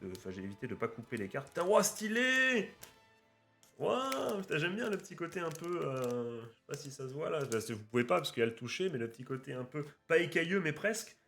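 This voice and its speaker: A man casually chatting to his viewers while opening trading card packs, excitable and swearing often. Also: mid-range voice, fast talker, hardly any pauses, soft background music. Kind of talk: casual unboxing commentary. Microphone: webcam setup at a desk.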